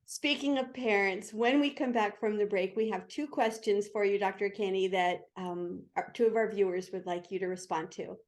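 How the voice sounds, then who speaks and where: A woman's voice: mid-range voice, steady tone, moderate pace, few pauses. A woman hosting an interview show, speaking in an encouraging, reassuring way to parents and her guest. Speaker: show host.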